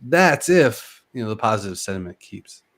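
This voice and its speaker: A man's voice: on the low side, big pitch swings, moderate pace, a bit bright. Upbeat man hosting a market chat. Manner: upbeat, loose with fillers. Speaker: host.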